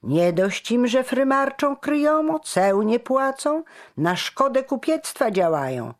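A man's voice: very high voice, sing-song, slow, voice pushed up, heavily acted. A reader voicing an indignant male townsman complaining heatedly to his neighbor. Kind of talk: audiobook character voice.

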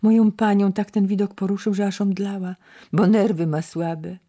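A man's voice: high-pitched, little pitch movement, moderate pace, mellow, pitched above the performer's own voice. A man voicing a curious, fretful woman servant in a storybook reading. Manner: fretful, prying. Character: fussy, curious female maidservant.

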